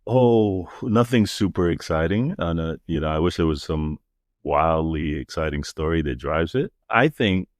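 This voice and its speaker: A middle-aged man, chatting casually as a podcast guest, relaxed, with many fillers and restarts. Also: low-pitched, moderate pace, dry recording, clean studio sound. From New York (the Bronx). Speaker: podcast guest, marketing agency founder. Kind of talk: casual interview chat.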